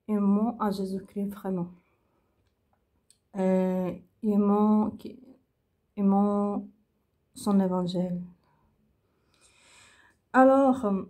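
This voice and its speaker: A woman gives an unscripted religious testimony in French, haltingly, searching for words and repeating phrases. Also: medium pitch, dark tone.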